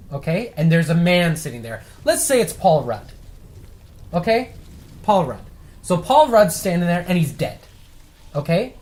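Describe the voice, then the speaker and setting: A man co-hosting a casual movie show, telling a scene idea out loud and checking in with "okay?" as he goes. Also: fairly high pitch. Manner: storytelling with repeated "okay?" checks. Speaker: co-host.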